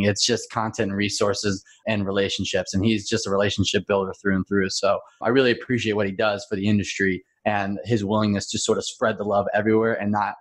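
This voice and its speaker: Low-voiced easygoing man, podcast guest. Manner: easygoing, laughs between points. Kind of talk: casual chat.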